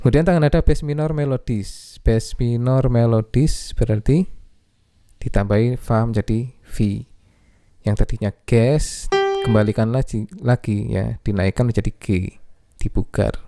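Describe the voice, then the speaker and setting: A man's voice: medium pitch, fairly even intonation, a little slow, vocal fry. A man teaching music theory, patiently naming notes one by one and checking in with "ya". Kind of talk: explaining music theory lesson. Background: piano playing.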